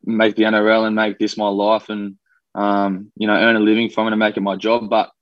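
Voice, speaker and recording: This young New Zealand–born rugby league player, raised in Australia and speaking with an Australian accent, gives a relaxed, rambling podcast interview full of fillers. His low voice is completely flat and fairly quick. The recording has no room sound and its highs are cut off.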